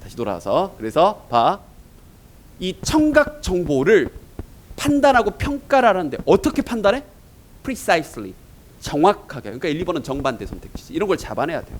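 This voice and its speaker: A male teacher works through English test answers in a lecture, firing rhetorical questions at his students. His voice sits on the higher side and swings widely up and down. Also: wildly swooping pitch, moderate pace, poor audio. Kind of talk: exam-prep lecture.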